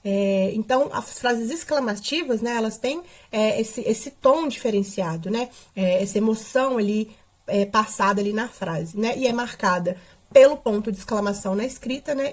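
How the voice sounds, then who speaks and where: Teacher with a higher voice. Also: female voice. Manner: explanatory, with frequent tag questions. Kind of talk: recorded grammar lesson.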